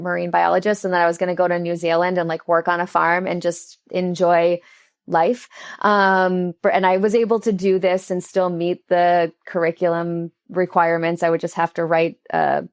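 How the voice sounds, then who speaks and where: Gravelly low-voiced woman telling stories. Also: dry recording, studio quality. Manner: candid storytelling with frequent restarts. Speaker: guest, engineer and company co-founder. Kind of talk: casual interview conversation.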